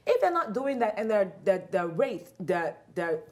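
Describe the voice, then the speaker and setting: A woman's voice: medium pitch, moderate pace. A woman co-hosting a talk show, arguing in a casual panel debate and acting out quoted people as she goes. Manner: animated, acts out quoted people.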